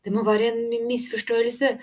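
A woman's voice: a little high, little pitch movement, darkish tone, pitched above the performer's own voice, lightly acted. A woman voicing a frightened young boy who stammers with a trembling voice in a storybook reading. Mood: stammering.

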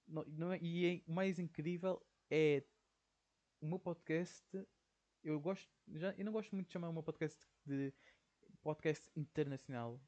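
A young Portuguese man with a European Portuguese accent hosts his own podcast, rambling through a casual solo monologue in slangy speech. His voice is a little high and a bit mellow, with a steady tone and moderate pace, and he tacks "ok?" onto nearly every phrase. The recording sounds muffled.

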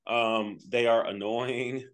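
A man's voice: medium pitch, steady tone, slow. A man co-hosting a reality TV podcast, talking in an emphatic, joking way. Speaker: podcast co-host. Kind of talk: casual podcast chat.

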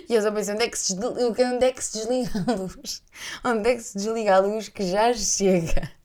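A young adult woman with a European Portuguese accent, hosting a casual chat and telling anecdotes in an animated way, laughing often and acting out voices. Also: medium pitch, moderate pace. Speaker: podcast host.

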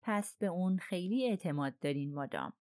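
A courteous, musing middle-aged detective, read by a woman narrator in an audiobook. The voice is lowish for a woman and very dry and close, with polite, questioning turns. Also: expressive, darkish tone, no room sound, close to an everyday voice. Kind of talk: audiobook character reading.

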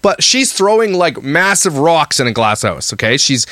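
A man's voice: on the high side, sing-song, moderate pace, a bit bright, no echo, studio quality. A man co-hosting a podcast, ranting heatedly in casual chat. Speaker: podcast co-host.

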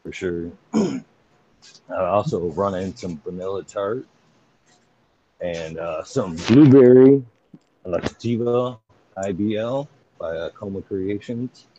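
Low-voiced man rambling over dull audio. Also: expressive, takes it slowly, long pauses, dark tone. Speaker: cannabis grower on a livestream panel. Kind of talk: casual rambling chat. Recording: dull, slightly noisy livestream audio.

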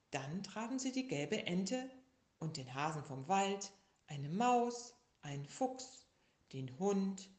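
A woman reading a children's story aloud in a slow, lively, expressive way. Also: medium pitch. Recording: echoey room.

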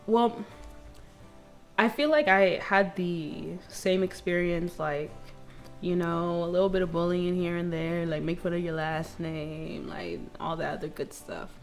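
A woman's voice: fairly low pitch, fairly even intonation, a little slow, faint music behind. Laughing young American woman host. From United States. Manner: laughs often, chatty and playful. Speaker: podcast host. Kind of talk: casual chat.

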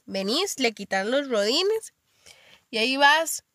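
A young Costa Rican woman talks through her podcast in a loose, chatty monologue, full of fillers and asides. Her voice sits a little high, and the recording is dry and close with no room sound. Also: very animated, slow pace, a bit bright, no room sound. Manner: chatty storytelling with frequent fillers. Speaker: podcast host. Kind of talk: casual monologue.

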